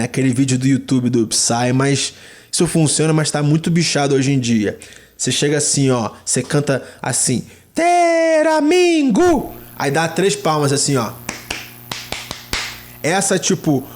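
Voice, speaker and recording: A man's voice: fairly high pitch, a little mellow. A young Brazilian man giving chatty, slangy travel tips, often dropping casual interjections. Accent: Brazilian Portuguese. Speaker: travel vlogger.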